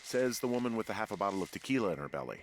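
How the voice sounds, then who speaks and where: An actor playing a weary fire lookout with a dry, deadpan manner in a video game. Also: male voice, on the low side, racing. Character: weary, dry-humored man alone in the woods. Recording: game audio with forest ambience noise.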